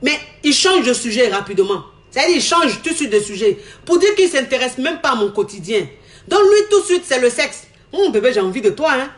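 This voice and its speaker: A young woman telling her own love story candidly. She talks in an animated way, repeats her lines and acts out what others said. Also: high voice, fairly quick. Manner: animated, repeats herself, acts out quoted talk. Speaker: woman giving a testimony.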